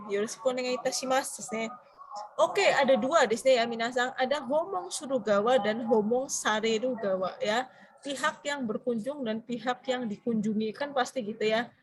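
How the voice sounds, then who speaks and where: Speaking with an Indonesian accent, a woman teaches a business Japanese class, giving explanations in Indonesian and quizzing her students. Her voice sits on the high side.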